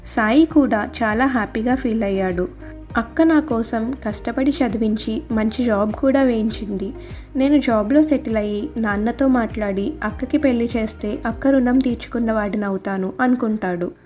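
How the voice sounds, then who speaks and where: A woman reading a story aloud as a storyteller, steady and scripted. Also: on the high side. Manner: reads all characters' lines in her own voice. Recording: soft background music.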